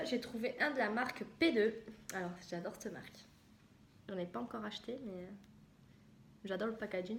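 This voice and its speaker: A woman's voice: mid-range voice, vocal fry. A young woman from southwest France chatting casually in a haul video, hesitant and full of fillers. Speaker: vlogger. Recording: echoey room with noise.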